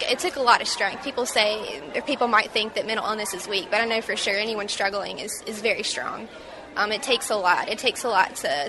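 A woman in her twenties from Mississippi recounting a personal story in an interview, halting and reflective with many fillers. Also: mid-range voice, noisy background. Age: 20s. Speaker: interview guest.

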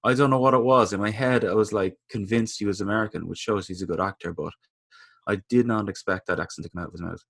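Guy co-hosting a podcast, lowish voice, dry close sound, rambles on with lots of ums. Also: fairly even intonation, fast talker, vocal fry, slightly rough, no room sound. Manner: opinionated, rambling, lots of fillers. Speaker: podcast co-host. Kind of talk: casual chat.

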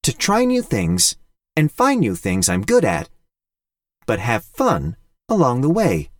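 A man voicing a small, cheerful male robot who talks in a gentle, thoughtful way, a little higher than his own voice. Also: wildly swooping pitch, slow, no room sound, clean studio sound, heavily acted. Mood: earnest.

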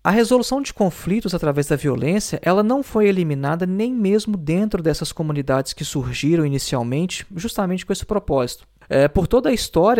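High-voiced man explaining theory. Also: darkish tone. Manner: thinks aloud, many fillers and tag questions. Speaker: teacher. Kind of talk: explaining philosophy in a lecture.

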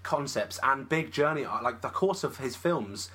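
Husky, eager film podcast host. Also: male voice, mid-range voice, animated, unhurried, sharp tone. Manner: eager, affirming, thinks aloud. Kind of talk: casual chat.

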